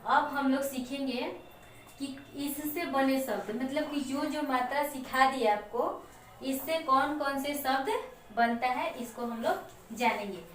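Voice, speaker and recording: A woman teacher explaining a Hindi lesson to children slowly and step by step, with example words. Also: sits high, fairly bright tone. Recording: echoey room, mic far off, faint noise.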